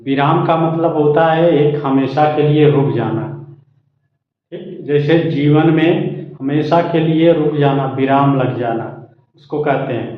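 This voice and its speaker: Slow, echoey Hindi grammar teacher. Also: male voice, a little high. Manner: slow, drawn-out teaching with frequent "ठीक?" checks. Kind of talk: slow explanatory lesson. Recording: very echoey room, slightly dull sound.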